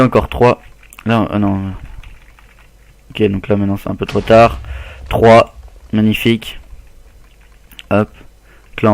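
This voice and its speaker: A man's voice: fairly low pitch, creaky, darkish tone, no room sound. A man casually commenting on his own gameplay as a gaming YouTuber, chatting and muttering to himself as he plays.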